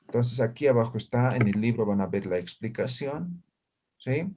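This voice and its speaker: A male language teacher with a mid-range, dark-toned, expressive voice teaches at a moderate pace. He constantly checks in with short questions after almost every phrase while students answer in the room.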